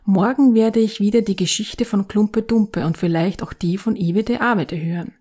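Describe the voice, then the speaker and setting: A woman voicing a naive, wistful young fir tree in a storybook reading, with a soft, wondering inner voice. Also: mid-range voice, steady tone, moderate pace, husky, close to an everyday voice.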